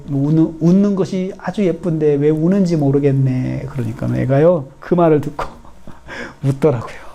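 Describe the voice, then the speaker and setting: Middle-aged male pastor, mellow and earnest sermon delivery, animated when quoting. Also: a little high. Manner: acts out quoted speech in a raised, lively voice; earnest, repetitive preaching.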